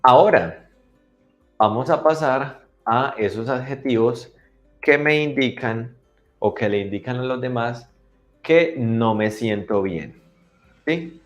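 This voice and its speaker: A man teaching English to children in an online class, often checking they follow and drilling pronunciation slowly. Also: mid-range voice, lively intonation, muffled recording, soft background music. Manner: teacherly, asks for agreement after each point.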